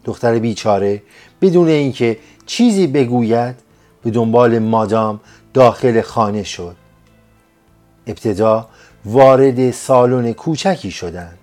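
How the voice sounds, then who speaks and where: Male narrator, measured audiobook reading, mid-pitched voice, faint music bed underneath. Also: darkish tone. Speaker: storyteller.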